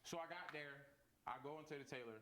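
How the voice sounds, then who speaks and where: A man's voice: fairly high pitch, fast talker, a bit bright, slight background noise. A young man from Miami, a defendant on a TV court show, explaining himself in a stammering, defensive way.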